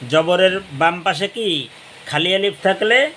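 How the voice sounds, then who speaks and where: A man teaching Quran reading, spelling letters slowly, then explaining in quick bursts, sometimes chanting verses melodically. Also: high voice, lively intonation, sharp tone, a little hiss or hum.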